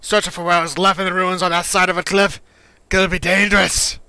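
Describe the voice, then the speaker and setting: A man voicing a cynical, self-deprecating male companion in a tabletop game, in a wry, gruff manner. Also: high-pitched, level tone, fairly quick, pushed and bright, no echo, voice pushed up, full character voice. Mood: warning.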